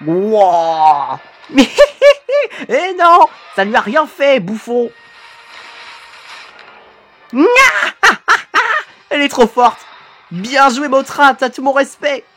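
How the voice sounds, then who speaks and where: A young man reacting to a monster animation as a YouTuber, excitable and bursting into shouts and slang. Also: very high voice, unhurried.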